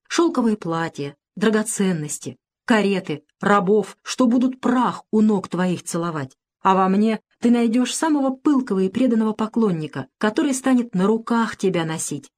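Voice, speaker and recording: A woman's voice: mid-range voice, a little mellow, lightly acted. A woman voicing a young man in an audiobook, a fervent, coaxing suitor pressing his affections.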